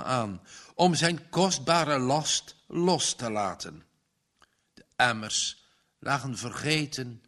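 A man reading a children's story aloud in a gently expressive way. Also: mid-range voice. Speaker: narrator.

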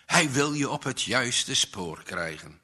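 A man voicing a gentle young woman who calmly talks her angry partner down, in a storybook reading. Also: mid-range voice, slow pace, breathy edge, exaggerated voice. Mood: coaxing. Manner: coaxing, softly reasoning.

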